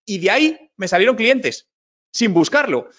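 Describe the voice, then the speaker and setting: A man's voice: sits high, moderate pace. A man, a guest in a conversational interview who tells stories and acts out what he said to others. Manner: storytelling, animated quotes of himself. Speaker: interview guest, digital marketing expert. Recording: dull lo-fi sound.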